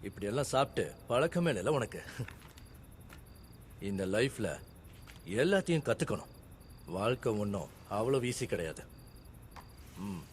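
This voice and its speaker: A cold, mocking kidnapper, voiced by a man in a dubbed film, talking down to his captive in a quiet, threatening voice. His pitch moves up and down widely as he taunts. Faint noise hums behind him. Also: very animated, normal speed, long pauses, close to an everyday voice. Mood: sneering. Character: cold, sneering male kidnapper guarding a captive.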